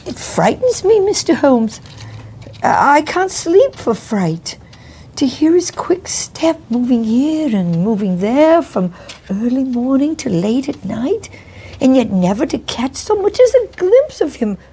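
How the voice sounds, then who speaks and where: A woman's voice: sits high, big pitch swings, measured pace, warm tone, slightly rough, heavily acted. A woman playing a nervous, deferential Victorian landlady in a mystery role-play, with a stammering, frightened manner. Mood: frightened, pleading.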